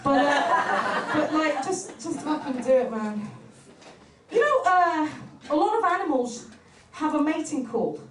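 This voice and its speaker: A woman's voice: sits high, animated, measured pace, a little hiss or hum. A young woman performing stand-up comedy, telling stories animatedly, acting out voices and laughing often. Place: comedy stage. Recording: roomy venue sound from a distance.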